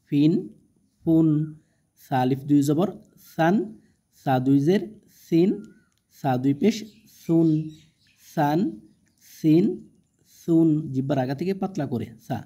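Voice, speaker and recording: A man with a Bangladeshi Bengali accent teaching Quran reading in a slow, patient lesson, drawing out each syllable and checking in with the learner. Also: fairly high pitch, dark tone. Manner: drawn-out syllables, patient explaining, asks "ঠিক আছে?". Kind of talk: slow step-by-step recitation lesson.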